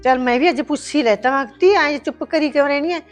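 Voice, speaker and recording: An actress playing a bossy, sharp-tongued middle-aged mother-in-law in a short film drama, talking in a scolding, two-faced way. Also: high voice, fast, faint music behind, lightly acted. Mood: pleading, plaintive.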